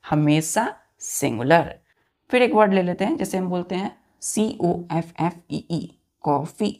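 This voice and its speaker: A man's voice: sits high, lively intonation, unhurried, darkish tone. Man teaching grammar, spelling words aloud. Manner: spells words letter by letter and repeats "okay" often; asks and answers own questions, addressing students as children. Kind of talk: classroom grammar lesson.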